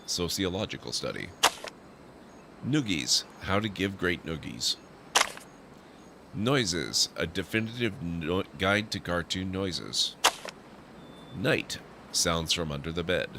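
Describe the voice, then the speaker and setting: A man's voice: sits low, animated, takes it slowly, creaky, long pauses, noisy background. A man commenting on a video game playthrough and reading game text aloud as he streams.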